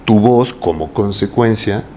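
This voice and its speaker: A man's voice: fairly low pitch, a little slow, mellow, a little hiss or hum. A man with a Mexican accent, a voice coach talking at length in a casual interview and often asking rhetorical questions. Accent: Mexican Spanish. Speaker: voice coach guest.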